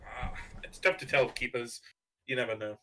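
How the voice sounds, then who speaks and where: A young man co-hosting a casual podcast, laid-back and measured as he shares his opinions. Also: medium pitch, fairly even intonation, fairly bright tone, a little hiss or hum. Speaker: podcast co-host. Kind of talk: casual chat about football cards.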